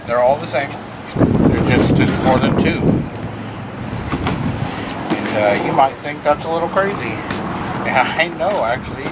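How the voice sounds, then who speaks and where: Loud wind batters the microphone as a man talks outdoors in an average-pitched voice. He takes his time, chatting casually like a car vlogger showing off parts, with playful, showy little asides. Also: unhurried, pauses often. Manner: informal, playful, showman-like asides. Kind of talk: casual unboxing and car modification chat.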